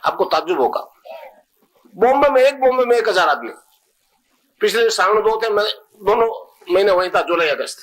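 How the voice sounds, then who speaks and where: A man's voice: sits high, sing-song, moderate pace, long pauses, a bit bright, low-quality recording. A man speaking as a spiritual guru to his followers, plain-spoken and repetitive, at times leading the listeners through a chanted mantra.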